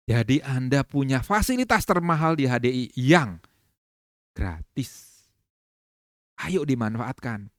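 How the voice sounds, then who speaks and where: A man with an Indonesian accent giving a motivational business training talk, lively and acting out quoted dialogue with laughs. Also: mid-range voice, clear, resonant tone, dry recording, studio quality.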